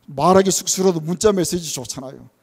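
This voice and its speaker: A man with a notably high voice delivers an earnest sermon as a church elder. He drives his points home with strings of rhetorical questions and plays out what parents say to their children. His voice rings with the long reverb of a church hall. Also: quick pace, darkish tone, breathy edge. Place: church sanctuary.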